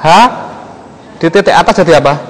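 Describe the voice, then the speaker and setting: Male lecturer, slightly high voice, unhurried and halting, quizzing students, long hall reverb. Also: a little hiss or hum. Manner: slow, halting, quizzes the audience often. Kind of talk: classroom lesson on Old Javanese script. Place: museum lecture room.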